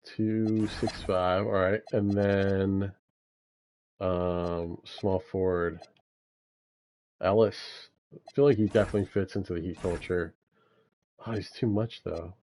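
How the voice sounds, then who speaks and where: A man's voice: deep voice, fairly even intonation, slow, long pauses, a little mellow, slight background noise. A young man giving laid-back gameplay commentary, thinking aloud with frequent fillers as he manages a basketball franchise. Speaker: gaming YouTuber.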